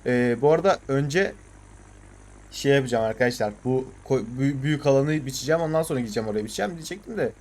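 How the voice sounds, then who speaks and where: A young Turkish man commenting on his farming game in a casual, excitable way, swearing and urging his tractor on. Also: mid-range voice, fast. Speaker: gaming channel host.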